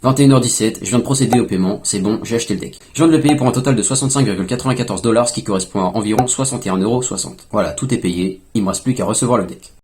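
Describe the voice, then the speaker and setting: A young man casually telling a story to his vlog audience, chatty, with quick asides to himself. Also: fairly low pitch, a little mellow, a little hiss or hum. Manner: fast, chatty, self-talk asides. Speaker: fingerboard YouTuber.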